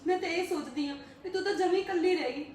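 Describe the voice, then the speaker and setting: Fast-talking woman, echoey and distant. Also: extremely high pitch, darkish tone. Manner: comforting, insistent, fast-talking. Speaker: actor in a family web drama. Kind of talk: scripted family drama dialogue. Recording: echoey room, far from mic, faint noise.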